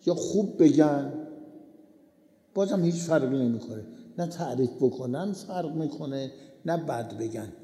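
A man preaching a sermon in a deep, very mellow and warm voice. He drives his point home by repeating key phrases. The sound is roomy, with a long hall reverb trailing each line. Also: animated.

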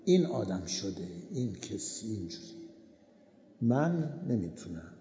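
A man giving a slow, repetitive moral sermon as a cleric. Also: lowish voice, sing-song, warm tone. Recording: echoey hall, dull lo-fi sound.

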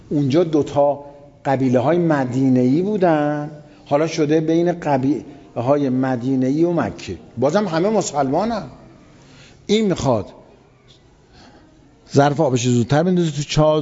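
A man's voice: a little high, warm tone. Preacher man in an echoing hall. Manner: vivid retelling with emphatic repetition. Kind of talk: colloquial religious storytelling lecture. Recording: long hall reverb, dull lo-fi sound.

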